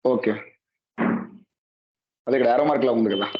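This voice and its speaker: A man on a phone video call, setting up his camera and mic and asking quickly and repeatedly whether his voice comes through. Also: mid-range voice, slight background noise. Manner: quick, asks repeatedly whether he can be heard. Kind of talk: casual call about camera and mic setup. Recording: echoey, dull lo-fi call audio.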